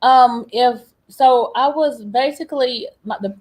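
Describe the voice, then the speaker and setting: A woman's voice: sits high, unhurried, darkish tone. A woman guest on a glitchy video call, telling her story casually and rambling with lots of "like" and restarts. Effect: heard over a glitchy video call. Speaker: guest recounting an encounter.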